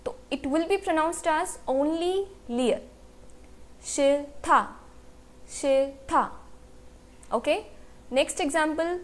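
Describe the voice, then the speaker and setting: A woman's voice: high voice, darkish tone. A woman teaching a language lesson, explaining sounds step by step, repeating example words and checking in with "okay?" after each point. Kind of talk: language lesson, mixing Hindi and English.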